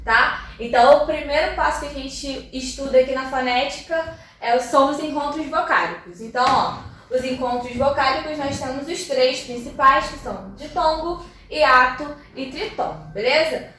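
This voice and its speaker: Brazilian lady teacher explaining step by step, high voice, heavy room echo, mic far away. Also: moderate pace, fairly bright tone, a little hiss or hum. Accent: Brazilian Portuguese. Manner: explanatory, checks in with tags like "tá?" and "ok?". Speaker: Portuguese teacher. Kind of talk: classroom lesson.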